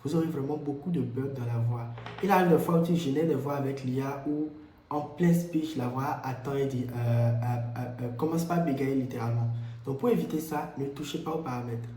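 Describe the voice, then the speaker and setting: Mellow-voiced man explaining in an echoey room. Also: on the high side, slight background noise. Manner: explanatory, with frequent hesitations and repeats. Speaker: tutorial host. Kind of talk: screen-recorded software tutorial.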